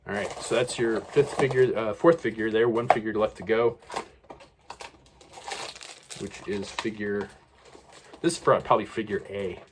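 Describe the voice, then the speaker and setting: Male toy reviewer, slightly low voice, casual and rambling, self-correcting. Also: fairly even intonation, normal speed, pauses often, a little hiss or hum.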